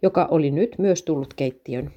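A woman's voice: deep voice, lo-fi sound. A woman reading a children's story aloud, raising her voice for the children's lines. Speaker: narrator.

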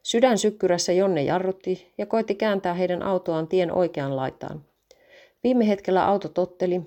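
A woman reading a story aloud in a calm, even storytelling manner. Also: on the low side.

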